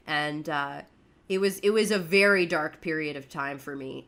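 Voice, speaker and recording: This podcast co-host, a young woman from Canada, talks through her life story in a chatty, candid way and frequently laughs at herself. Her voice is low, with a fairly bright tone.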